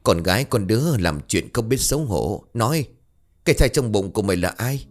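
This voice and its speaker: A man's voice: lowish voice, animated, brisk. A man voicing a harsh middle-aged village stepmother who shrieks insults and wails. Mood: scolding.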